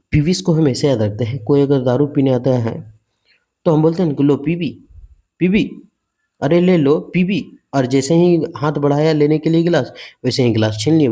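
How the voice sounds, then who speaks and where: A man runs an exam-prep vocabulary lesson in a mellow, warm tone. His pitch sits in the ordinary middle range for a man. He explains through repeated rhetorical questions and folksy memory tricks. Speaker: teacher.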